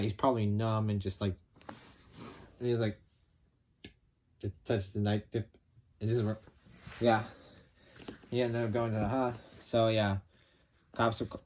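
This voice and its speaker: Rambling, animated male film reviewer. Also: lowish voice, moderate pace, pauses often, slight background noise. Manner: rambling, animated, acts out quotes, swears. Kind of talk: casual movie plot retelling.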